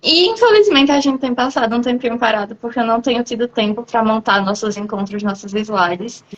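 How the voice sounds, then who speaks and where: Brazilian woman explaining her writing, lo-fi. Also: a little high. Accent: Brazilian Portuguese. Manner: reflective, explaining at length with frequent pauses. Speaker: guest poet. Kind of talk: live online interview.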